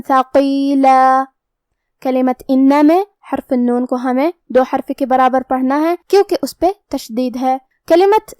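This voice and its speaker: A woman teaching Quran recitation rules, explaining each letter step by step and reciting verses slowly. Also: sits high, darkish tone, no echo, clean studio sound. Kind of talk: tajweed lesson, slow explanatory teaching.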